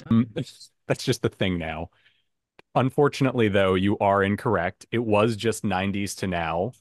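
A man's voice: fairly low pitch, normal speed, dry recording, clean studio sound. A man hosting a podcast guessing game in a casual, playful, self-mocking way. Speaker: podcast game show host.

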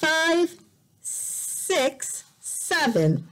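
Indoors beside a bright window, a woman teacher reads a picture book to children, recorded on a device camera. Her high, sing-song delivery is deliberate and exaggerated, repeating words to help learners.

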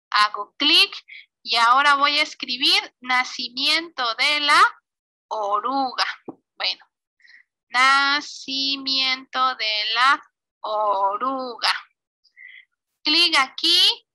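A woman's voice: sits high, bright, forceful tone. A woman with a Mexican Spanish accent teaching an online computer class, walking through each step patiently and checking in often. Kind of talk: online class screen demonstration.

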